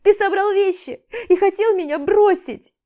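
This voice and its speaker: A woman voicing a hysterical young woman who screams, sobs and pleads in a shrill voice. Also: normal speed, dark tone. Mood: screaming hysterically. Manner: shrill, pleading, shrieking to a squeal. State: crying.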